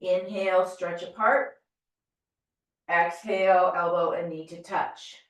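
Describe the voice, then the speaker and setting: A middle-aged American woman leading a yoga class, calmly and gently cueing breath and movement. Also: on the low side, slow. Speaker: yoga teacher. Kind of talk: guided yoga class instruction. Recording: very echoey room, voice from far off.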